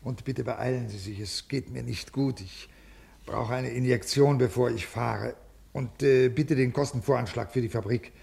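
A man's voice: medium pitch, normal speed, gravelly, darkish tone, slightly rough. An actor playing a stiff, rule-bound male official who speaks formally, in classic radio drama style. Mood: weary. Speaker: government official.

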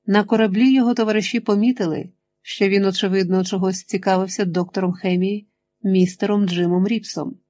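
Woman, audiobook narrator, scripted narration, steady measured reading, middle pitch.

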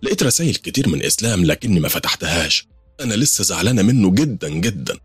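Husky fast Egyptian storyteller man. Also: low-pitched, very animated, no echo, soft background music. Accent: Egyptian Arabic. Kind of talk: horror story narration.

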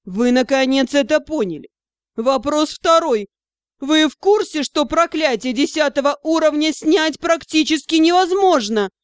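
A woman's voice: sits high, expressive, no echo, studio quality, pitched above the performer's own voice. A woman voicing a seething stern male magister. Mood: icily furious. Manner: slow, clipped, hissing through anger. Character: furious stern male academy director.

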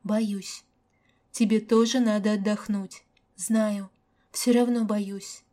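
A woman's voice: mid-range voice, level tone, slow, mellow, lightly acted. A woman reading the lines of an anxious young woman who pleads on the verge of tears in an audiobook. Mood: pleading.

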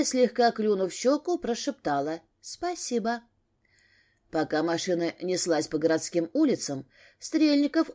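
A woman narrating a novel aloud in an expressive storytelling manner. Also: medium pitch. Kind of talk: audiobook narration.

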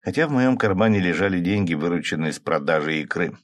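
Deep-voiced man reading a story. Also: lively intonation, fast. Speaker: audiobook narrator. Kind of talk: first-person audiobook narration with dialogue.

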